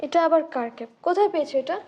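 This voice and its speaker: An actress playing a young wife who questions her husband in a quick, questioning way. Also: sits high, lively intonation, mellow, muffled recording. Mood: puzzled. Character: young wife, puzzled then suspicious.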